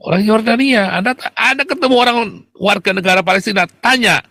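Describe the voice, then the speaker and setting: A man delivering an impassioned, combative monologue to his viewers. He keeps calling them brothers and sharply jumps up in pitch whenever he makes a point. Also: brisk, vocal fry, pushed and bright, no echo. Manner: emphatic and combative, keeps addressing listeners as brothers.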